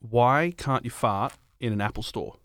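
A man's voice: medium pitch, moderate pace, fairly bright tone, no echo. A man, a guest on a casual podcast who jokes around and laughs at his own puns, recorded in a studio. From Australia.

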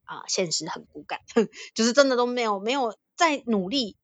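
A woman from Thailand tells stories on a podcast in casual, animated chat and laughs often. Her voice sits fairly high and is recorded close and dry. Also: normal speed, no room sound. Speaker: podcast co-host.

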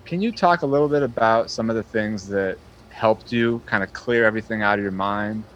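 Earnest low-voiced man interviewing. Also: brisk, a bit bright, lo-fi sound, a little hiss or hum. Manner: earnest, appreciative, with frequent fillers and restarts. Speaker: interviewer, touring musician. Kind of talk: casual interview chat.

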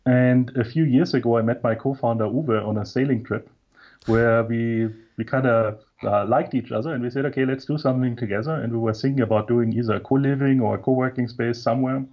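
Man from munich, casual interview guest, relaxed rambling talk, muffled lo-fi sound. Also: mid-range voice, brisk. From Munich, Germany. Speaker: co-working space founder, guest.

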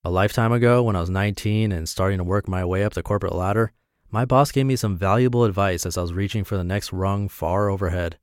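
A man from Montana, reading his reflective essays aloud in a measured, deliberate way. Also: deep voice, fairly even intonation, no room sound, clean studio sound. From Montana, USA.

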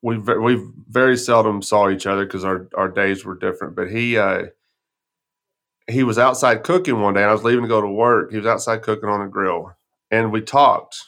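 A man's voice: on the low side, steady tone, a little fast, fairly bright tone. A man with a folksy West Texas twang, talking casually and telling personal stories as a podcast host. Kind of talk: casual conversation, personal storytelling.

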